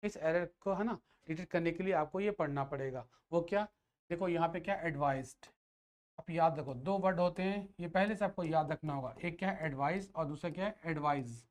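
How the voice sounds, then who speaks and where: A man's voice: fairly high pitch, fairly quick. A man teaching grammar, firing questions at students and answering them himself. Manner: asks and answers his own questions. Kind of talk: classroom lecture.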